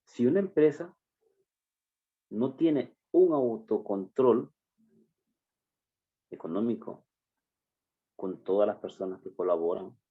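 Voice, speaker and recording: A man preaching a sermon, addressing the congregation as brothers and stressing phrases slowly and emphatically. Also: lowish voice, husky. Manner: slow, emphatic preaching with drawn-out words. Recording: dull lo-fi recording.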